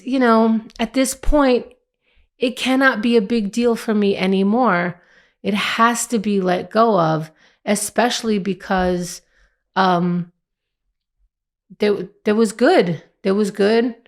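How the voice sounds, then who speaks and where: A woman vlogger, telling a personal story in a reflective, halting way, with many restarts and fillers. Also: mid-range voice.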